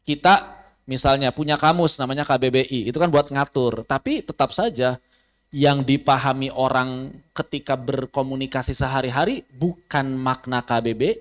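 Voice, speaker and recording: A man teaching an online tajwid lesson, explaining with many examples, repeating key words and chanting Arabic verse slowly. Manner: lively, sudden jumps in pitch for emphasis. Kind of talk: online Quran recitation lesson.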